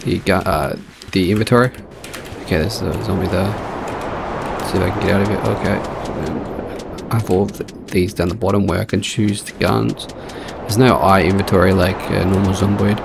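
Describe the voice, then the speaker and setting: A man's voice: low voice, steady tone, moderate pace. A young man hosting a channel, casually talking through a screen-recorded game test and thinking aloud as he plays. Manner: laid-back, thinking aloud while playing. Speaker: channel host testing AI models. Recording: home recording with clear background noise.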